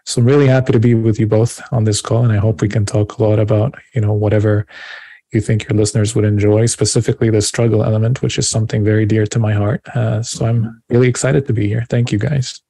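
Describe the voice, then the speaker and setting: A man in his thirties from Lebanon, a finance advisor and podcast guest, speaking calmly over a video call from a room at home. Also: on the low side, fast talker, gravelly, no echo. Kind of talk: remote podcast interview.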